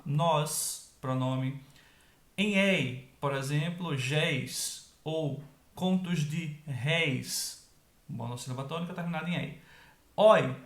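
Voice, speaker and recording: A man teaching an online grammar lesson, explaining step by step and checking in with quick tag questions. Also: fairly high pitch, echoey room.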